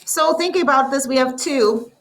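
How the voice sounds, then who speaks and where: A woman with a high, slightly bright voice teaches a classroom math lesson, explaining each step and slowly drawing out the numbers. She's recorded from a distance, and the recording is rough.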